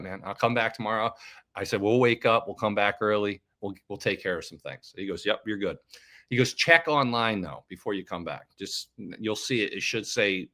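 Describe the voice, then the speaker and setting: A man casually telling a story to camera, acting out what other people said. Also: lowish voice. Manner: animated, acts out other people's lines. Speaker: finance YouTuber.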